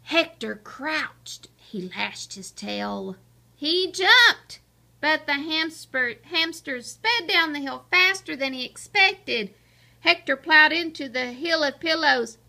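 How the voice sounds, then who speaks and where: A woman reading a children's picture book aloud with expressive storytelling. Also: sits high, slow, creaky. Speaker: storybook reader.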